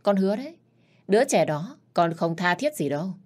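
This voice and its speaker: A woman reading the lines of a cold, ruthless young man who heads for control of a crime family, with calm, mocking menace. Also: fairly low pitch, fairly quick.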